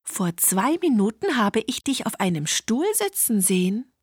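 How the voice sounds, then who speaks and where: Storybook cat, lazy and sneering, husky and giggly, as the woman reading puts her on. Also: fairly high pitch, very animated, measured pace, dry recording, studio quality, exaggerated voice. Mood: mocking. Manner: mocking, giggly.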